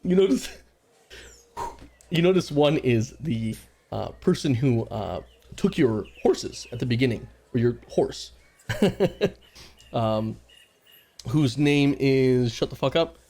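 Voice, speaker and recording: A man narrating as game master in a live-streamed tabletop game, laughing often and filling pauses with "uh". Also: mid-range voice, lively intonation, mellow. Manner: laughs often, many fillers, puts on townsfolk voices. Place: home studio, live stream.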